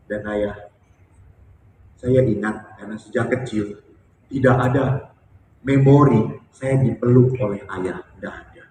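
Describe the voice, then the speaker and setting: Priest preaching in an echoey hall. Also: male voice, medium pitch, fairly bright tone, slight background noise. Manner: candid storytelling with jokes, emphatic repetition. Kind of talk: sermon with personal story. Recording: echoey hall recording from far off.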